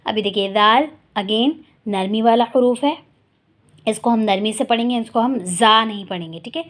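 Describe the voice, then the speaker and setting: A woman teaching Quran reading, patiently spelling out syllables slowly and explaining each letter. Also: a little high. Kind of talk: slow spelled-out recitation lesson.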